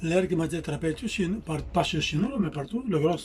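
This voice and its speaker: A man with a Quebec French accent explaining things aboard a sailboat, pausing and restarting as he talks. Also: on the high side, animated, slight background noise. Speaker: sailing vlog co-host. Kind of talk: casual explaining. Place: aboard a sailboat at a dock, outdoors.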